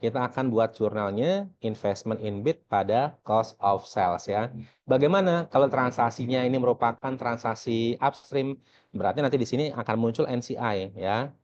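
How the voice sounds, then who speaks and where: This dull, lo-fi recording captures an Indonesian accounting lecturer with a mid-range, darkish voice, a moderate pace and a little hiss or hum. He guides listeners conversationally through a worked exercise, frequently checking in and answering his own questions.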